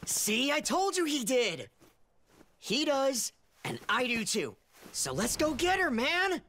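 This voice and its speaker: An actor playing an earnest, easygoing teenage boy in a video game, eager and casual with a husky voice. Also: very high voice, huge pitch swings, takes it slowly, pushed and bright, slight background noise, full character voice. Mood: urging. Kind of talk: scripted video game acting.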